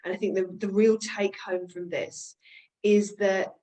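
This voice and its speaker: A woman's voice: mid-range voice, fairly even intonation, a little slow, warm tone, low-quality recording. Reflective woman wellness coach. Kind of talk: conversational teaching.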